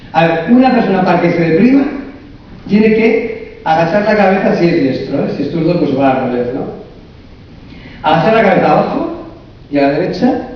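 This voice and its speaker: Man, fairly high voice, coach giving a humorous conference talk, heard from far off in a big echoey hall. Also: muffled recording. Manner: humorous, lively, asks the audience many rhetorical questions. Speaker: coach and therapist speaking at a conference.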